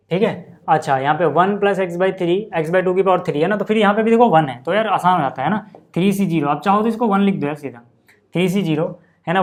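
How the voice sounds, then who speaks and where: A man teaching maths at a board, chatty and explaining step by step, often asking if the class follows. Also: on the high side. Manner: chatty, asks check-in questions.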